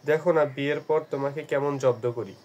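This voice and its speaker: A man's voice: mid-range voice, steady tone, fairly quick, a little mellow, muffled recording, natural voice. Teasing, affectionate young woman in a storybook reading, voiced plainly by a male narrator. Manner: teasing and tender.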